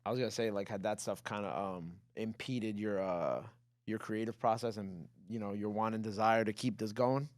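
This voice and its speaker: A man's voice: on the low side, steady tone, normal speed, darkish tone. A man in his twenties hosting a casual interview, asking long rambling questions full of fillers. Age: 20s. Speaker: interview host.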